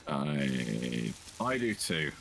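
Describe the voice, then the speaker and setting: A man's voice: very deep voice, very animated, very slow, a bit bright, slight background noise. A man talking casually with friends while playing a building game, giving short dry replies. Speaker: co-player. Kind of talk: casual multiplayer game chat.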